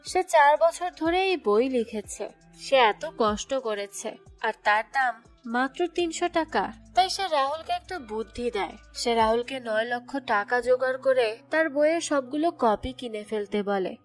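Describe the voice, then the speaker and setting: A woman narrating a movie plot as a steady, scripted storytelling recap. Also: fairly high pitch, moderate pace. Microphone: voice-over. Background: soft background music.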